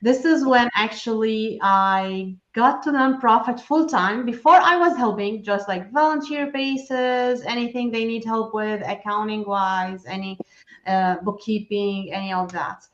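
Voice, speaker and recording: A woman's voice: fairly high pitch, unhurried, echoey room, highs cut off. A middle-aged woman from Syria, a guest chatting earnestly in an interview with many fillers and restarts, on a video call. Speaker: guest, enrolled agent for nonprofits. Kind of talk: casual interview talk.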